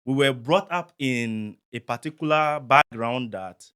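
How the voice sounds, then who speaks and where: A man from Ghana, a parent and guest, explaining calmly with examples in a discussion. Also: medium pitch, a little slow, clear, resonant tone.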